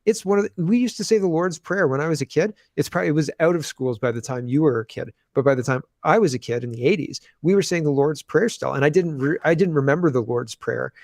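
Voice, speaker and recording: A man, co-hosting a casual political chat in an animated, rambling way, with sarcastic mimicry. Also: fairly high pitch, quick pace, few pauses, dry recording, studio quality. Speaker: podcast co-host.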